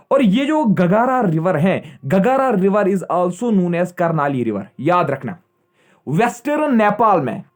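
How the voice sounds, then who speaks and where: High-voiced man teaching a geography class. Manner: repetitive, checks in with "theek hai" constantly; quizzes students and answers himself. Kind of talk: exam-prep lecture.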